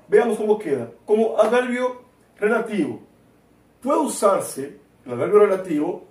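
A man teaching a recorded online language lesson, explaining slowly and checking in often with short questions to his students. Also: high-pitched, a little mellow, recorded from a distance. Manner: slow, deliberate explaining with frequent "¿tá?" check-ins. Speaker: Spanish teacher. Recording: roomy echo, voice away from mic.

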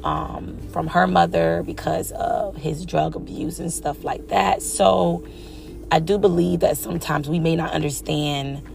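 A woman talks through her faith on her own podcast, her voice carrying a gravelly, creaky edge. She moves from soft, hesitant reflection to fervent, preacher-like declarations. Faint music plays softly under her voice. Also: sits low. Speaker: podcast host. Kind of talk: personal faith podcast monologue.

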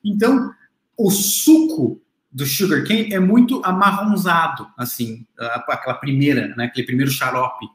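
A man's voice: mid-range voice, normal speed, a bit bright. A man giving a classroom lecture, explaining patiently to his listeners with many fillers and restarts. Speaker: literature lecturer. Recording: roomy echo.

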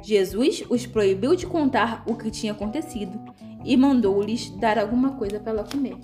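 A woman's voice: on the high side, normal speed, over music. A woman, casually talking through a Bible story and acting out the quotes playfully. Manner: playful, animated, acts out quotes. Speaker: co-host. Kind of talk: casual Bible study chat.

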